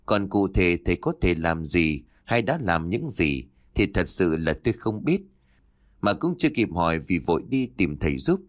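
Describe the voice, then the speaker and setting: A man narrating a first-person spooky story in a measured, expressive way. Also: sits low, no room sound, clean studio sound.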